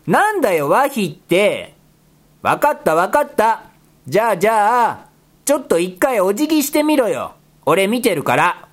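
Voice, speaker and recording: A woman voicing a bossy, exasperated rabbit character who talks in rough boyish speech and scolds his partner in a comedy skit. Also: mid-range voice, big pitch swings, measured pace. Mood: scolding, exasperated. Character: gruff bossy rabbit guy, exasperated straight man.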